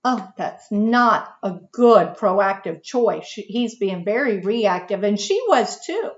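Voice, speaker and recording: A woman's voice: medium pitch, takes it slowly. A woman teaching a lesson to young children, reading a picture book aloud and asking questions she answers herself. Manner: animated, asks questions and answers them herself. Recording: dull lo-fi recording.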